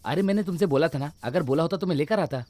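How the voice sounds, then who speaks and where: A man's voice: on the high side, fast talker, a little mellow, no room sound, lightly acted. An actor dubbing a nervous young male student in a horror film. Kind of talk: Hindi film dub acting.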